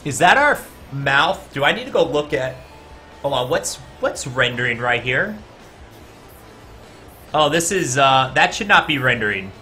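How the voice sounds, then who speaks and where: Very animated yet measured in pace, a man with a mid-range voice codes a game live, leaving long pauses as he thinks aloud with frequent "uh"s. He chats with his viewers between code explanations, while soft music plays in the background.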